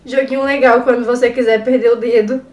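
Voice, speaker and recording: A Brazilian woman with a Brazilian Portuguese accent reacting on camera, jumpy and excitable, scared and trembling, swearing and laughing as she talks. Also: a little high, brisk, roomy sound, dull audio. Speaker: YouTuber. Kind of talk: reaction video chat.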